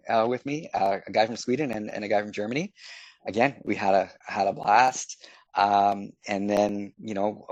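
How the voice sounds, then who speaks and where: A middle-aged Canadian man appears as a podcast guest, casually and chattily telling stories and acting out things he once said. His voice is lowish and darkish, with no echo.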